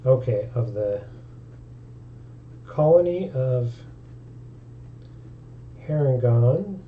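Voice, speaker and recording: A man's voice: mid-range voice, lively intonation, extremely slow, phone-quality sound. A man streaming about tabletop games, talking casually and thinking aloud in an easygoing way. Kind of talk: casual live-stream talk.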